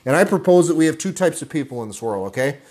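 A man's voice: fairly high pitch, expressive, quick pace, a little mellow. A man giving an intense, profane motivational rant, blunt and angry, calling his listeners guys. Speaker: motivational speaker.

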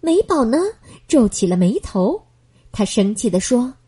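Lady reading a kids bedtime story, gentle, slow, lots of melody. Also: a little high, expressive, breathy edge.

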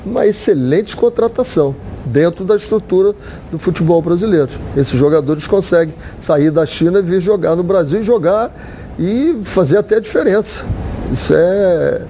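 A man's voice: high-pitched, lively intonation, normal speed, mellow, slight background noise. A man with a Brazilian accent giving opinions as a football pundit, repeating phrases for emphasis. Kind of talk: opinionated panel talk.

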